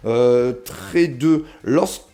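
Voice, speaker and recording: Soft background music plays as a young man with a slight cold talks through a mobile game for his viewers, whom he calls "les gars". His mid-range voice is dark and he draws out his words, mixing chatty slang with game text read aloud.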